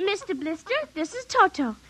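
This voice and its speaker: A woman's voice: very high voice, very animated, moderate pace, very noisy. Pleading little girl. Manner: pleading, whiny.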